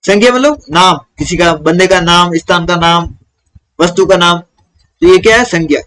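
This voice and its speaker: A man's voice: high voice, normal speed, a bit bright, low-quality recording. A man teaching a primary school lesson to children, who asks questions and answers them himself.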